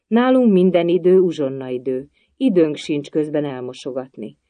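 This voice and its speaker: Reader doing a mopey know-it-all hatter, kinda loud, warm dry storybook voice. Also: mid-range voice, lively intonation, no echo, lightly acted. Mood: gloomy. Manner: sighing, lecturing, sings a nonsense song. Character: gloomy, boastful hatter at a tea party.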